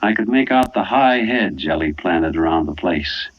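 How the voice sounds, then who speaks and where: This low-pitched, expressive male voice belongs to an actor portraying a tired, stubborn family man in a vintage radio play, speaking at normal speed. He narrates and performs in first person with grim, hard-boiled brooding and tension. The old broadcast sounds dull, backed by dramatic music.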